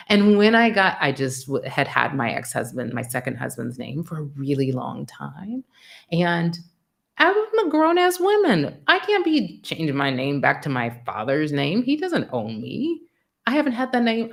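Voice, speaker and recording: Middle-aged woman preacher, deep voice with fry, chatty live-sermon delivery. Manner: lively, conversational, jokes and asides. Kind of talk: live sermon with personal stories.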